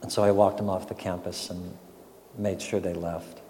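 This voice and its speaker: An older man gives a sermon in a reflective, storytelling way and keeps turning to questions. His voice sits low and mellow, and it echoes through a large hall. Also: little pitch movement, normal speed, a little hiss or hum. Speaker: pastor.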